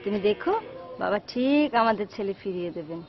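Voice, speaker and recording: An actress playing a calm, faithful village wife who reassures her husband. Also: mid-range voice, brisk, faint music behind, lightly acted. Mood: reassuring. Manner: reassuring and steady. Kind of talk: devotional film acting. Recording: dull lo-fi film soundtrack.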